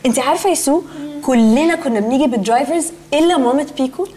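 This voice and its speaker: An actress playing a catty, gushing young socialite with an Egyptian accent and affected English-sprinkled speech in a comedy series. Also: female voice, high-pitched, very fast, mellow, lightly acted. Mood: falsely consoling. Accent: Egyptian Arabic. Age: young adult.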